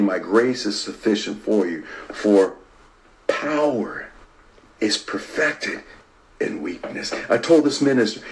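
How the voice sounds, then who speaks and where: A man preaching a sermon, repeating phrases for emphasis and swinging between loud stress and near-whispers while talking to online viewers. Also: mid-range voice, rough recording. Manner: repetitive and emphatic, rising to stress and dropping to a hush.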